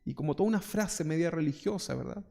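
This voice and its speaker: A man's voice: on the high side, fast, vocal fry, mellow. A male pastor with a Chilean Spanish accent, giving a conversational sermon full of rhetorical questions and mocking asides. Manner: conversational preaching, rhetorical questions, mock voices.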